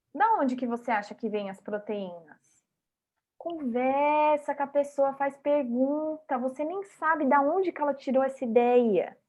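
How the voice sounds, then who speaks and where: A high-voiced woman delivers a motivational talk in short, emphatic, rhythmic phrases, addressing her listeners directly. The recording is dull and lo-fi. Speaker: speaker at a vegan festival talk.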